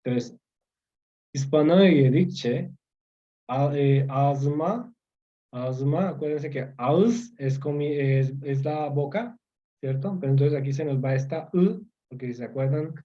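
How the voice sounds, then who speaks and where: A man's voice: a little high, unhurried, muffled recording. A man tutoring a class online, patiently explaining, repeating key words and often checking that students follow. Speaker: language teacher.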